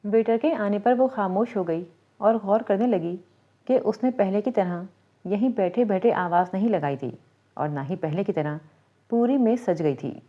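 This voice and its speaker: A woman narrating a romantic novel in a steady, even reading voice. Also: mid-range voice. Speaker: storyteller. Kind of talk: scripted story narration. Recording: dull lo-fi recording.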